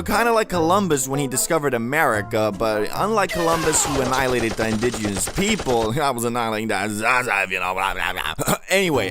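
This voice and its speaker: A man's voice: medium pitch, a bit bright. A man narrating as a YouTuber in a comedic storytelling style, with casual, slangy, joking delivery.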